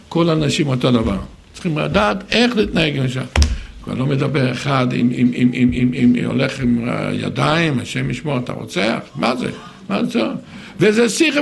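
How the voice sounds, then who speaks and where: Older guy giving a sermon, raspy fry, pitch up high, acts out others' lines. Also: slight background noise. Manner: animated, quoting others in raised voices.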